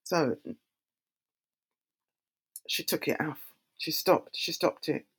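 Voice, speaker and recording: A woman's voice: sits low, slow, breathy edge. A middle-aged woman, giving a talk on community and youth safety and acting out her own reactions as she tells stories. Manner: animated storyteller who acts out her own reactions. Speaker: community speaker.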